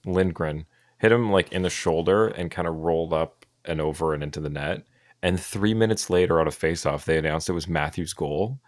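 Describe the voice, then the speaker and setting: A man co-hosting a hockey show in casual chat, telling stories in an animated way and acting out his reactions. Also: low voice, brisk, dry recording, clean studio sound. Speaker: co-host of a hockey talk show.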